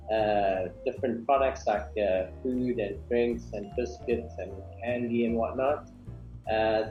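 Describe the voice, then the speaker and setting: A man with a South African accent talks easily about his work, pausing often on ums and uhs. He sounds like he is in an echoey room, heard through a dull, muffled webcam mic. Faint music sits behind him. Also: mid-range voice. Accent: South African English. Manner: relaxed, with frequent ums and uhs. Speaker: guest, business founder. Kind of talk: video call interview. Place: small home office indoors. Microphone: webcam on a video call. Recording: dull, roomy video call audio.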